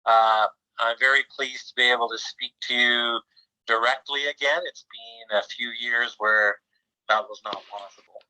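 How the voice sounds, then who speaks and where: A man's voice: medium pitch, fairly even intonation, normal speed. A man giving a conference presentation over a tinny phone line, his voice fading in and out. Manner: fading in and out, uneven loudness. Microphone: telephone.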